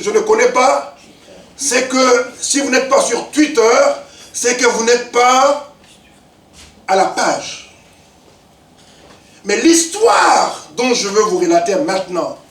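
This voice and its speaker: A man in his fifties preaches with a strikingly high voice and unhurried, deliberate delivery. He swings between ringing shouts and low asides, and the sound comes from a distance in an echoey church hall. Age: 50s. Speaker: pastor. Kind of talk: sermon.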